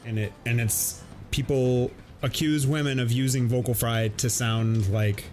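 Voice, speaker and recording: A man's voice: mid-range voice, steady tone, measured pace, a little mellow. A man casually chatting while playing a video game, rambling and filling his speech with "like". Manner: rambling, heavy use of "like" fillers. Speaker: let's play host. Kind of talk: casual gameplay banter. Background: game music.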